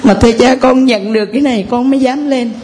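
A woman's voice: fairly high pitch, fast, a little mellow. A woman, telling a long, rambling, earnest story of faith to a priest in church. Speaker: parishioner giving testimony. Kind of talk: tearful church testimony.

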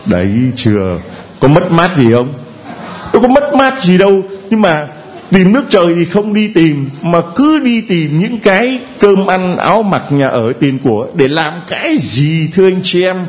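Lively, playful male priest preaching. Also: high-pitched, normal speed. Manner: playful and humorous, acting out quoted voices. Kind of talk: sermon to a congregation.

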